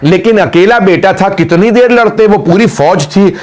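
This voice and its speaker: High-voiced man preaching an impassioned mourning sermon. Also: darkish tone. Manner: impassioned, emotional storytelling that climbs into drawn-out wailing cries; ends in a chanted closing prayer. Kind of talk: mourning sermon narrating a martyrdom story.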